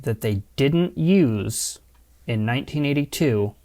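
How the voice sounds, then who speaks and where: A man at a middle pitch co-hosts a podcast. He chats easily and offers fun facts in an unhurried, conversational way. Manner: relaxed, sharing trivia. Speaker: podcast co-host. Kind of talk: casual chat.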